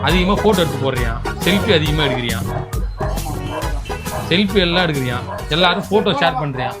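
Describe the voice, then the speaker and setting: An adult posing as an official in a staged prank, sternly scolding children with rapid questions. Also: mid-range voice, animated, loud music behind the voice.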